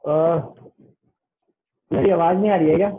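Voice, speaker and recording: A man's voice: high-pitched, fairly even intonation, moderate pace. A man tutoring students in a casual online class, rambling and repeating "okay" after nearly every phrase. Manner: repeats "ठीक है" constantly, loose and rambling. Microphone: online class call. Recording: tinny phone-line audio.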